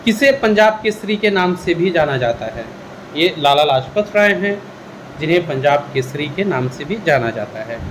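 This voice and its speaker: An exam-prep history teacher with a high-pitched voice runs his lesson as questions and answers, explaining each answer and mixing in English words along the way. He speaks at a moderate pace on a rough recording, with faint, steady air-conditioning hiss behind him.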